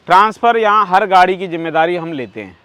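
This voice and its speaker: Male used-car auction rep, high voice, assuring sales patter in clipped bursts, very dry recording. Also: brisk, a bit bright, clean tone, no room sound. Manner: salesman-like, assuring, lists details in short bursts. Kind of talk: unscripted sales walkthrough of car stock.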